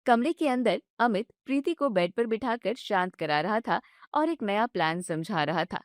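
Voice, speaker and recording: A woman narrating a scripted family story in a plain, even way. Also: on the high side, moderate pace, dry recording, studio quality.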